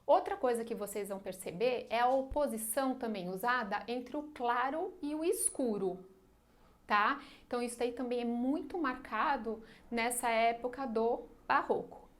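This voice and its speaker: A Brazilian-accented woman teaches a literature class. She explains each point carefully, stops to ask if everyone is following, and counts out syllables slowly. Her voice sits a little higher than most. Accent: Brazilian Portuguese. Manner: explanatory, checks in often with "tá?" and "né?". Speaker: Portuguese language teacher. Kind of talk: online literature lesson.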